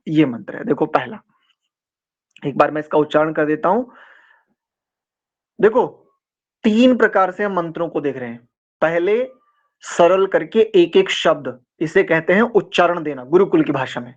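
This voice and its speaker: A man teaching an online scripture class, explaining mantras and chanting them slowly, correcting pronunciation syllable by syllable. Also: fairly high pitch, muffled recording. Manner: slow, drawn-out chanting of mantras between explanations. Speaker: Vedic teacher.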